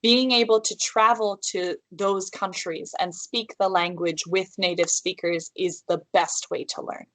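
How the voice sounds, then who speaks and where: An American English teacher answers interview questions over a video call from a room at home with calligraphy on the wall, speaking slowly and deliberately in a mid-range, fairly bright voice with fairly even intonation. She chooses her words carefully, often restarting and restating herself. The audio is poor, dry and close, with no room sound.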